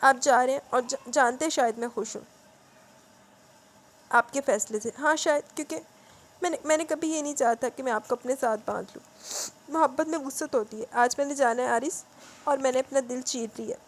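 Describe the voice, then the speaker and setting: A woman voicing a gentle young wife who pleads through tears, stumbling over her words. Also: high voice, voice pushed up. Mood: tearful. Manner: pleading, halting repeats.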